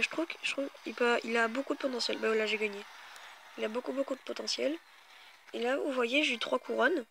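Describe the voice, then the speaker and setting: A woman's voice: fairly high pitch, vocal fry, fairly bright tone, slight background noise. A woman casually commenting on a mobile game as she plays it, talking straight to her viewers in a chatty way with many fillers and restarts. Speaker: gaming YouTuber.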